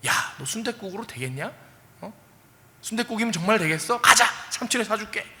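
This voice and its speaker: A man voicing a rich, generous middle-aged uncle in a sermon story, talking in a booming, big-hearted way. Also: animated, brisk, bright, forceful tone, big-room sound, full character voice.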